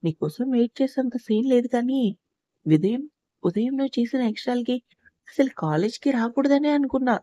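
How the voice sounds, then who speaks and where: A man's voice: extremely high pitch, expressive, fairly quick, dark tone, no room sound. A woman reading a curt, hot-tempered young husband. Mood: angry. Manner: harsh, scolding.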